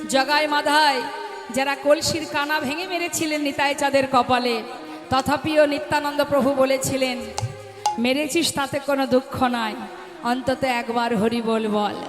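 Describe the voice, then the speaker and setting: A woman with a high voice preaches a devotional sermon, half chanting her lines and asking the crowd questions. The sound rings with a long echo through a large hall. Soft music plays behind her. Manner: sing-song preaching, asks the audience questions, calls out "hari bol". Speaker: kirtan preacher. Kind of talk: devotional sermon to a live gathering.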